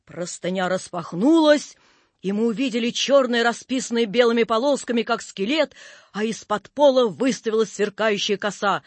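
High-voiced man reading a story. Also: normal speed, dry recording. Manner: expressive, theatrical. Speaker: narrator.

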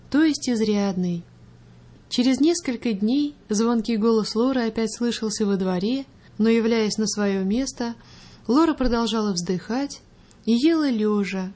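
A woman radio host reading a story aloud in a calm, measured literary manner. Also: on the high side.

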